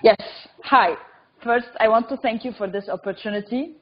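A young adult woman from Lebanon speaks at normal speed with a fairly high pitch over a muffled call. Invited to give personal testimony on a webinar, she is earnest, using simple direct sentences and repeating phrases for emphasis.

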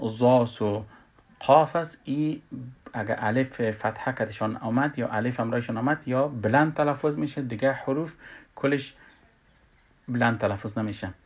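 A man with an Afghan Dari accent teaching Quran recitation rules. He talks haltingly, with many filler sounds, at a mid pitch. He pronounces each letter loudly as he sounds it out. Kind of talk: tajweed lesson.

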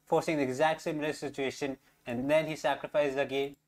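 A man's voice: on the high side, little pitch movement, brisk. A man explaining a chess puzzle methodically, step by step. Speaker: chess instructor.

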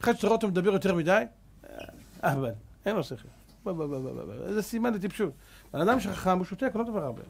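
Male rabbi, high-pitched, animated storyteller for a congregation lesson. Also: vocal fry, slightly rough. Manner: animated storyteller, swings between loud and hushed; acts out characters in anecdotes. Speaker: rabbi teaching a Torah class.

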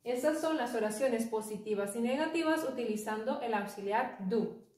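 A woman teaching an English lesson, explaining slowly and patiently. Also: a little high, a little mellow, recorded from a distance. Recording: echoey room, voice from off-mic.

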